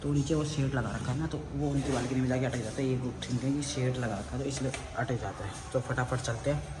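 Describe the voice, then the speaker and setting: A man's voice: mid-range voice, steady tone, a little fast. A young man chatting casually to the camera for his family vlog, talking straight to viewers and teasing his dog. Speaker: vlogger. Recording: noisy handheld phone recording.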